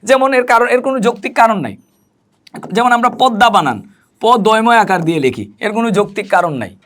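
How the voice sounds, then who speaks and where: A man teaching a spoken English lesson. He explains slowly, spells words out and answers his own questions. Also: high voice, lively intonation, fairly bright tone.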